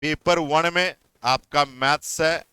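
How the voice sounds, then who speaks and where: A man's voice: a little high, steady tone, slow, sharp tone, smooth, no echo. A young man who teaches exam coaching, giving heated, repetitive warnings to students. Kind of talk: impassioned advice talk to students.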